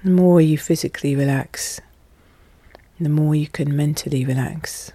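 A podcast host guiding relaxation in a calm, soothing, soft and hushed voice, with measured, deliberate phrasing. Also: mid-range voice, breathy edge, no room sound. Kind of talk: slow, soothing guided hypnosis narration.

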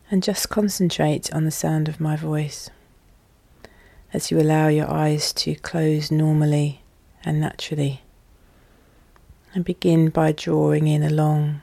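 A podcast host guiding relaxation in a calm, soothing, soft and hushed voice, with measured, deliberate phrasing. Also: mid-range voice, vocal fry, husky, dry recording. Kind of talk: slow, soothing guided hypnosis narration.

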